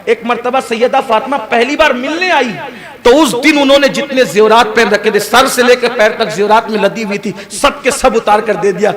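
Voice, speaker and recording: A man preaching a sermon to a live audience, fervent and emphatic, often tossing rhetorical questions to the listeners. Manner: fervent, rises to high emphatic peaks, rhetorical asides to the audience. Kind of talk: impassioned sermon. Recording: crowd audible around live sermon.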